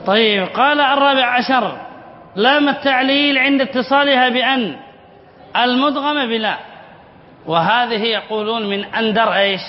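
High-voiced sheikh teaching spelling, roomy recording. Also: male voice, moderate pace. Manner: asks the class questions and answers them himself, repeats examples. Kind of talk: classroom lesson reading and explaining a text. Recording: muffled roomy lecture recording with faint hiss.

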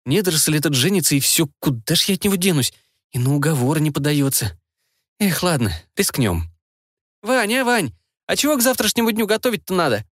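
Man doing enchanted frog, young woman inside, high voice, bossy, exasperated, lively swoops, dry close sound. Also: a little fast, no echo. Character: enchanted frog, really a sharp 25-year-old woman. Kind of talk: audiobook character voice.

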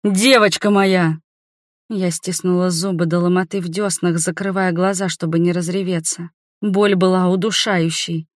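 A woman narrating a fantasy novel as an audiobook in the first person, steady and dramatic. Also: on the low side, normal speed, no echo, clean studio sound.

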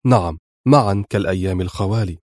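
A man voicing a young male secret agent in an audiobook, calm and wry. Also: low-pitched, fast talker, no echo, clean studio sound. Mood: confident.

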